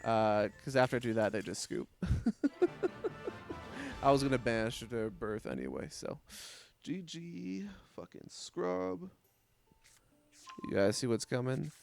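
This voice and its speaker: A man's voice: on the low side, animated, moderate pace, vocal fry, long pauses. A man talks through his card game replays in a casual, profane way. He mocks his opponents and often laughs to himself. Faint music plays underneath. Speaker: gaming commentator. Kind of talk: casual gameplay commentary.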